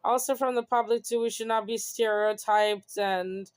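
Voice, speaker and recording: A woman's voice: fairly high pitch, steady tone, moderate pace, clear, resonant tone. A young woman from Canada, hosting her own show in an earnest, rambling personal monologue. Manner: earnest, reflective, rambling with many "you know"s. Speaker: host.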